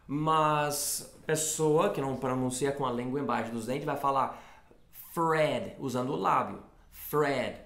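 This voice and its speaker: Creaky-voiced man teaching. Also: medium pitch, steady tone, a bit bright, roomy sound. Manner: explains slowly, repeats words for contrast. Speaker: English teacher and co-host. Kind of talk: casual bilingual lesson chat.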